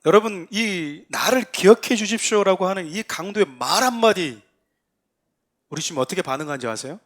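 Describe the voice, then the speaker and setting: A man's voice: high-pitched, expressive, moderate pace. Earnest Korean man preaching a sermon. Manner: earnest, rising to emphatic exhortation with acted quotes. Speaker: pastor. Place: church sanctuary.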